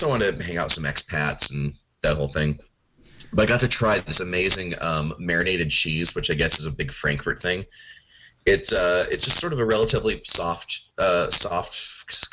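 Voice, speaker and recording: A man's voice: sits low, pushed and bright, low-quality recording. A young man co-hosting a podcast, chatting casually about travel, laid-back, swearing and laughing often. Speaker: podcast co-host. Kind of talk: casual chat.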